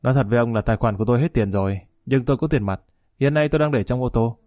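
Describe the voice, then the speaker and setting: Guy reading as a cocky young banker, offhand, mellow dark voice. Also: mid-range voice, racing, no echo, clean studio sound, lightly acted. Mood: uneasy. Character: young male banker, confident, careless, worried.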